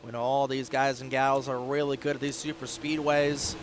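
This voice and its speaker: Quick and keyed up, a male commentator with a faintly raspy voice narrates the action in an online racing league, rising sharply in pitch when things get close. Race car engine sound runs underneath.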